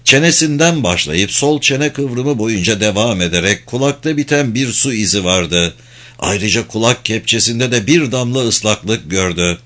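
A man reading a suspenseful novel aloud in a measured, steady narration. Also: mid-range voice. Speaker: audiobook narrator. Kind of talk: scripted narration.

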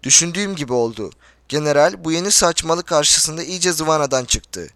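A man narrating a literary audiobook in a measured, formal storytelling manner. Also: on the high side, a bit bright, no room sound.

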